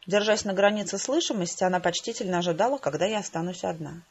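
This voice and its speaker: A woman reading an amateur audiobook, telling a first-person story in an even, wry way. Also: fairly low pitch, quick pace, breathy edge. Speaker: audiobook reader. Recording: slightly dull home recording.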